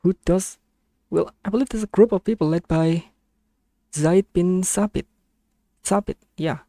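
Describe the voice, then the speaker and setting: An Indonesian-accented streamer with a gravelly, fry-laden voice in a dry, close-sounding recording. The delivery is casual and hesitant, with frequent self-corrections while thinking aloud in reaction to a video. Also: medium pitch, measured pace, dark tone, dry recording.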